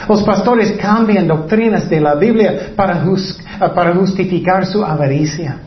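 A man preaching a sermon, emphatic, repeating his phrases and firing off rhetorical questions. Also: high voice. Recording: echoey, dull lo-fi room recording.

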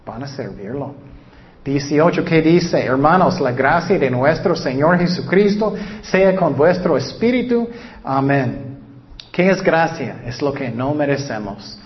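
A man with a somewhat high voice preaches an earnest sermon, often tossing out rhetorical questions to his listeners. The recording sounds dull and lo-fi. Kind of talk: evangelistic sermon and closing prayer.

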